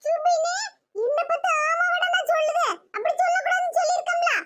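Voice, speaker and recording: A woman voicing a sly, greedy little village boy in a cartoon, speaking in a hushed, scheming way. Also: very high voice, fairly even intonation, brisk, noisy background.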